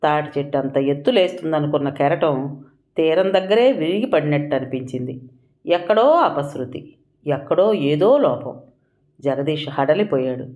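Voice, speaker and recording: Even-voiced story narrator. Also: medium pitch, normal speed.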